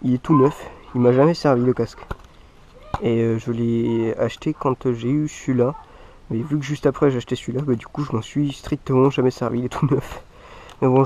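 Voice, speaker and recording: This mountain bike vlogger, a native French speaker, has a cold that leaves him sounding stuffy as he chats with viewers about his gear. He rambles and repeats the same filler phrases again and again. His medium-pitched voice is mellow, with slight background noise.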